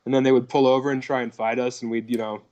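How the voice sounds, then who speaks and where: A fast-talking man in his thirties from Colorado, with a mid-range, slightly mellow voice and level tone, chats casually as a guest comedian on a video call for a podcast. He rambles and swears, leaning heavily on "like" and "dude," and the audio sounds lo-fi.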